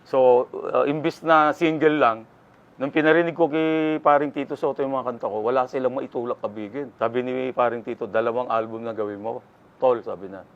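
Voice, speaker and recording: A man's voice: medium pitch, steady tone, fairly quick, muffled recording. An older man from the Philippines, a guest in an interview, telling his story casually and acting out the voices of the people in it.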